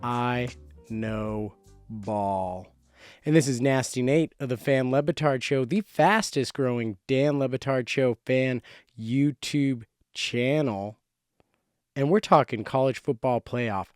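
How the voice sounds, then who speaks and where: A man's voice: medium pitch, slow pace, clean tone, dry recording, studio quality, faint music behind. A man hosting a YouTube sports show from a closet, giving casual, slangy, emphatic commentary in a monologue. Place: small closet indoors.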